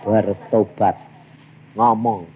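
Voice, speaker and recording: A man's voice: lowish voice, very slow, highs cut off, slight background noise. A man with a Javanese accent preaching a sermon, telling stories and acting out both sides of each exchange. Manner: animated storytelling, acting out dialogues with big vocal swings. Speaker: evangelist preacher.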